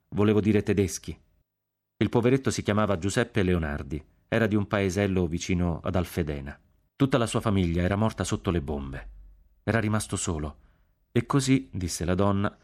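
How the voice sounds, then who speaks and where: A man reading a novel aloud on a radio program in a measured, grave, unhurried way. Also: low-pitched, a little mellow. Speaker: audiobook reader on a radio program.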